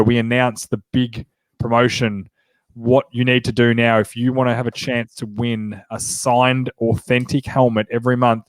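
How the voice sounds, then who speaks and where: Hosting a laid-back sports chat, this Australian podcaster in his thirties sounds stuffy and nasal, clearly nursing a cold. His medium-pitched delivery is chatty and upbeat, peppered with quick asides. The recording is dry and close, with no echo or room sound.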